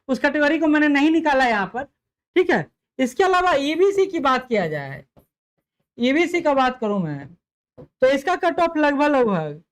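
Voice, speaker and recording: A man, a coaching teacher giving an emphatic exam analysis lecture and speaking directly to students. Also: extremely high pitch. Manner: emphatic, repeats figures, addresses students directly.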